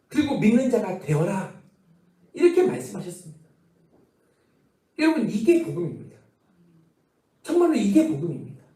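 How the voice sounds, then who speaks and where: A male pastor preaching a sermon, speaking straight to the congregation with rhetorical questions and moving between slow, stressed phrases and quicker runs. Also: sits high, dark tone. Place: church sanctuary. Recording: roomy church sound, mic at a distance.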